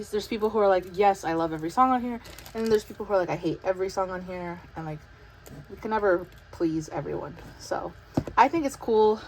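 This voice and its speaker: A young woman chatting casually as she unboxes an album, talking in an excited, breathless way with lots of fillers. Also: mid-range voice, slight background noise, poor audio. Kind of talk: casual chat.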